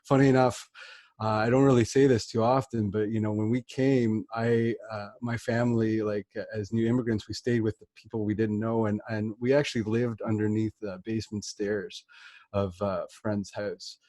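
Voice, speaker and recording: A middle-aged Canadian man with a low, even-toned voice introduces himself informally in an interview. A real estate investor and coach, he speaks at a moderate pace, and there's no echo.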